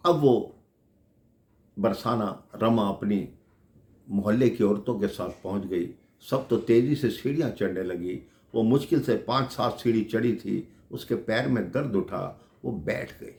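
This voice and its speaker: A man's voice: fairly low pitch, unhurried, a little mellow. A man telling a devotional story, addressing listeners affectionately as brothers and sisters. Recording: echoey room.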